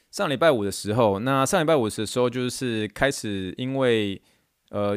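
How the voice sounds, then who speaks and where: A man, hosting a casual chat and telling stories in a lively way that acts out what people said. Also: mid-range voice, smooth, no room sound, studio quality. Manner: animated storyteller who acts out quotes. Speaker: podcast host and therapist.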